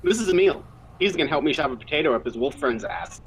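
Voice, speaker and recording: A man's voice: a little high, very animated, fast talker, slight background noise, low-quality recording. A man playing a tabletop game, speaking casually with a cheeky, wisecracking manner. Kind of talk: casual, joking role-play chat.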